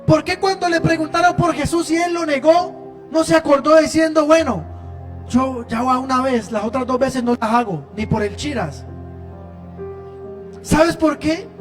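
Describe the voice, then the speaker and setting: High-voiced preacher. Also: male voice, unhurried, pauses often, over music. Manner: impassioned, swings between loud emphasis and hushed lines. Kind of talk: sermon. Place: church service.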